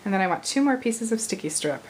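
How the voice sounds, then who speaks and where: A woman in her thirties hosting a casual crafting tutorial, chatty and a little hoarse, with apologetic asides while she works at arm's length from the camera. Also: medium pitch, lively intonation, fast, darkish tone, slight background noise, poor audio. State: slightly hoarse, losing her voice. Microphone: camera at arm's length over the craft table.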